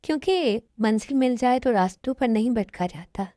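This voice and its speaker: A calm, wise young woman, voiced by a woman in an amateur dubbed love story, speaking in poetic advice. Her tone is fairly high and mellow, and the sound is dry and close. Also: normal speed, dry recording, natural voice. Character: young woman on a date, wise and self-sacrificing.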